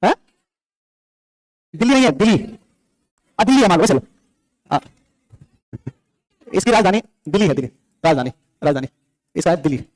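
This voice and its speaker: A slightly high-voiced male teacher lectures at a quick pace, with big pitch swings and long pauses. He repeatedly asks questions and answers them himself to drill facts, interspersing scolding and jokes directed at the students.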